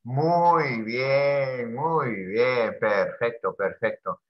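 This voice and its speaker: A man's voice: mid-range voice, drawn-out words. A man with a Peruvian accent teaching a casual lesson, joking with a student and tagging his sentences with little questions. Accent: Peruvian Spanish. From Peru. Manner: chatty, jokey, peppers lines with tag questions. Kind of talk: casual classroom lesson dialogue. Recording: dull lo-fi audio.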